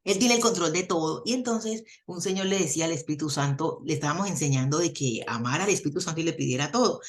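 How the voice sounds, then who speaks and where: Her low voice moving at a quick pace, a theologian with a Colombian accent uses lively stories and folksy sayings to explain ideas as a radio interview guest.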